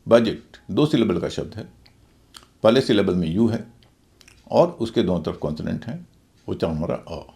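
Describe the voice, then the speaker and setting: A man's voice: lowish voice, animated, normal speed, creaky, long pauses, warm tone. A middle-aged man teaching English pronunciation, spelling out words letter by letter and explaining the rules step by step. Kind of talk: Hindi-language English lesson.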